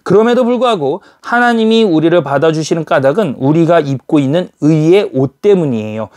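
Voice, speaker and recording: A man's voice: a little high, fairly quick. A man preaching a sermon in an emphatic way, firing rhetorical questions at his listeners. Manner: animated, emphatic, full of rhetorical questions to the audience.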